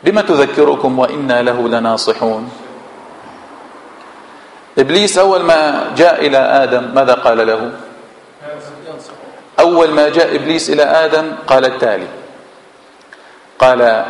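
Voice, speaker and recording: A man's voice: mid-range voice, fairly quick, long pauses, a little hiss or hum. A man with a Levantine Arabic accent, a sheikh giving a Quran exegesis lesson in a mosque, posing rhetorical questions and answering them himself. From Syria. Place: large mosque hall. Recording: echoey mosque hall with long reverb.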